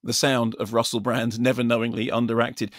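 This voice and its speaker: A man's voice: mid-range voice, level tone, a little fast. A British man giving a spoken film review as a critic, discursive and opinionated.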